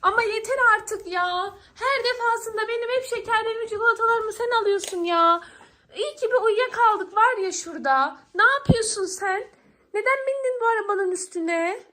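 High, bright, whiny woman. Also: normal speed. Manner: whiny, pleading, scolding. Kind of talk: scripted family skit.

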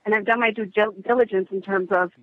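A woman calling in to a show, talking fast and earnestly and a bit out of breath. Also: medium pitch, fairly even intonation, no echo. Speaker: caller. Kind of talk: caller asking a question. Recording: tinny, dry phone line.

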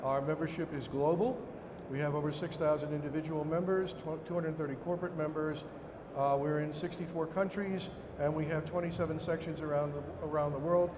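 A middle-aged man with a Brooklyn accent giving a formal slide presentation to a conference room, in a halting way. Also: fairly high pitch, fairly even intonation. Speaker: conference speaker standing in for a director. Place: indoor conference room with seated audience. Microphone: podium microphone, later picked up by hand. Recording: echoey hall, noisy room ambience.

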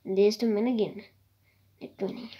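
A woman from Africa, casually showing things to camera in a hesitant, rambling way with soft whispered asides. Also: mid-range voice, fairly even intonation, moderate pace, muffled recording. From South Africa. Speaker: vlogger. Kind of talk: casual show-and-tell vlog.

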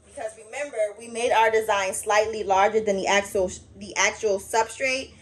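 A woman's voice: mid-range voice, normal speed. A woman hosting a hands-on craft tutorial, chatting casually and folksily to viewers as she works. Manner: folksy, addresses viewers as y'all; talks while working with hands. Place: small indoor craft workroom. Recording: noisy room, uneven camera-mic sound.

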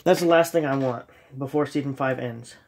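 Sniffly from a slight cold, this young man hosts a gaming channel and chats casually as he plays at home, filming a TV screen in a dark room. His talk rambles, full of ums and self-deprecation. The voice is medium-pitched, gravelly and darkish, at a normal speed.

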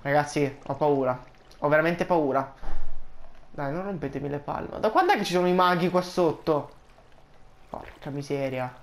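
A man's voice: fairly high pitch, moderate pace, long pauses. A man hosting a casual gaming let's play, talking straight to his viewers and yelping whenever something startles him. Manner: excitable, yelps and cries out when startled; keeps addressing viewers as guys. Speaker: gaming channel host.

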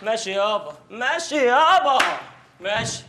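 An actor playing a drunk, heartbroken young man with an Egyptian accent, ranting loudly and shouting the same questions over and over. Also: very high-pitched, lively intonation, normal speed, reverberant, background noise. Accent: Egyptian Arabic. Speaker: jilted friend ranting.

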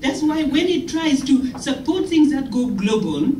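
Woman, middle-aged, keynote speaker, emphatic, fairly high voice, roomy hall, distant mic. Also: sing-song, measured pace, warm tone, a little hiss or hum. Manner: impassioned, emphatic, gestures widely. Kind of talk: conference keynote speech. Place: lecture hall, at a podium. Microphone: podium mic on a stand. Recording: echoey hall, picked up from far off.

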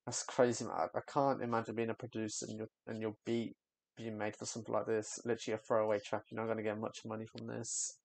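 A man's voice: on the low side, completely flat delivery, quick pace, creaky, darkish tone, no echo. A young man giving casual, candid reaction commentary on a music video, rambling and trailing off with fillers.

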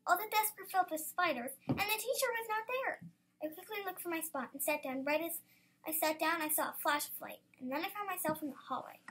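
A young girl, a student, reading her own story aloud, lively and bursting into excited exclamations. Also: very high-pitched, quick pace. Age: child.

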